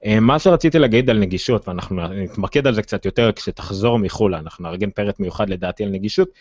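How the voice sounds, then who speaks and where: A man with an Israeli accent hosting a casual tech discussion, speaking haltingly with many filled pauses. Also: lowish voice, darkish tone. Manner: hesitant, halting delivery with frequent filled pauses. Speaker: tech podcast host. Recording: dull, roomy, lo-fi sound.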